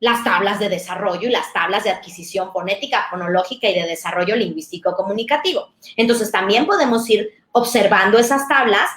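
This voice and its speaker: A woman speech therapist, explaining to parents in a warm, conversational way with everyday examples. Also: medium pitch, brisk, reverberant. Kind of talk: talk to parents.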